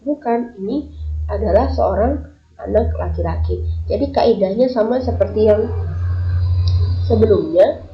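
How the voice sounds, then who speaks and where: A woman teaching from a textbook, reading example sentences slowly and filling her explanations with hesitations. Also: mid-range voice, slight background noise. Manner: many fillers while explaining. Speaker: Arabic teacher. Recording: dull lo-fi recording.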